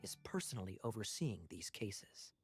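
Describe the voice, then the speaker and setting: Kaeya, a suave, teasing knight. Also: male voice, on the low side, sing-song, moderate pace. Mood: persuasive. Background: game music.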